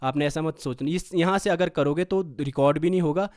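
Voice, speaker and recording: A man teaching music production software step by step in a home studio, checking in with listeners as he goes. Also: fairly high pitch, fairly quick. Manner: explains step by step, often adding a checking "okay". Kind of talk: screen-recorded software tutorial. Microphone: studio condenser mic.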